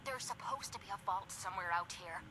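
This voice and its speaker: Actress as a blunt young Irish addict, pleading. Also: female voice, medium pitch, fast talker, noisy background, close to an everyday voice. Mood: hopeful. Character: tough young female drug addict companion, desperate for help. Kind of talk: dramatic video game dialogue.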